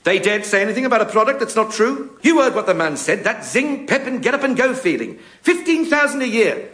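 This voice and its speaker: A comic actor playing a blustering, pompous know-all who grumbles and talks sarcastically, in a 1950s radio comedy. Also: male voice, extremely high pitch, sing-song, fairly quick, fairly bright tone, full character voice. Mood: grumbling. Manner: grumbling, sarcastic, easily carried away. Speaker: lead comedian. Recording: roomy old radio broadcast with music.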